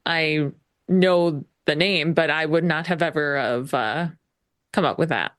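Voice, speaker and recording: A woman with a lowish voice co-hosts a podcast and mostly reacts with brief comments. She speaks slowly and takes her time with each thought. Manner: unhurried, short reactive remarks. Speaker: podcast co-host. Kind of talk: casual chat, reacting to a recap.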